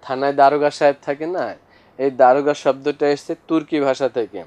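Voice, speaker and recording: Smooth-voiced man teaching a lesson. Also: medium pitch, flat delivery, fairly quick, darkish tone. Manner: addresses students directly, lists examples one by one. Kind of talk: classroom lesson explaining vocabulary.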